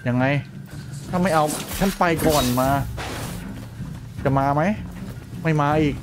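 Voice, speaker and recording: A man hosting a gaming channel, giving chatty, playful let's play commentary with excitable outbursts during fights. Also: a little high, takes it slowly, over music. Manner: playful, chatty banter with in-game characters.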